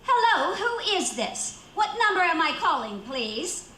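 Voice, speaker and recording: Woman playing a very high-pitched, anxious housewife. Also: sing-song, measured pace, a crowd in the background, heavily acted. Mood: anxious, confused. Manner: fretful, nervous, stammering and repeating. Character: anxious, high-strung, sickly wife home alone. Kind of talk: old-time radio suspense acting. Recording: roomy echo, faint background noise.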